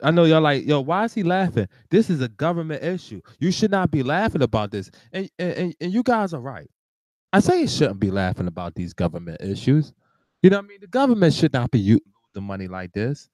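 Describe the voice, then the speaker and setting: Show host, male, high bouncy voice, animated rant, close dry mic. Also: brisk, no echo, rough recording. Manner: animated ranting with laughs and repeated restarts. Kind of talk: live talk show monologue.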